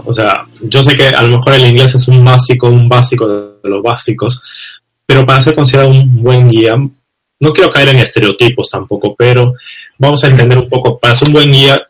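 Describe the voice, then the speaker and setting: A man interviewing a guest in a casual chat, often ending remarks with a questioning tag. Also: mid-range voice. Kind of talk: casual conversation.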